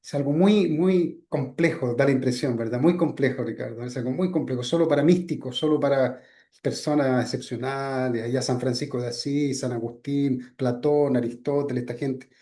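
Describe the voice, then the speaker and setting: A man giving a spiritual teaching talk. He keeps addressing his listener by name, often lets his voice sink softly at the ends of phrases, and checks in with short questions. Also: mid-range voice, normal speed. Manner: asks frequent checking questions.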